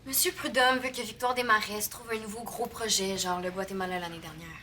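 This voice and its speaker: A woman's voice: medium pitch, steady tone, fairly quick, bright, forceful tone, slight background noise, natural voice. A young woman with a Quebec French accent playing a practical teenage girl with a dry, matter-of-fact way of speaking.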